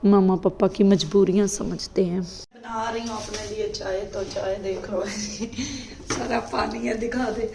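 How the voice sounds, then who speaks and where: A woman's voice: medium pitch, fairly even intonation, unhurried, gravelly, warm tone, slight background noise, poor audio. A woman, chatting casually in a home vlog and quoting her children. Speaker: mother and family vlogger.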